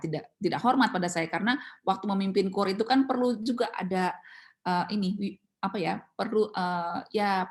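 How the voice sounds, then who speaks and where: A middle-aged woman giving a Bible study talk, telling a personal story with many fillers and acting out her tearful prayers. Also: medium pitch. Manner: animated storytelling, acts out crying and pleading; many fillers and self-corrections. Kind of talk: sermon with personal testimony.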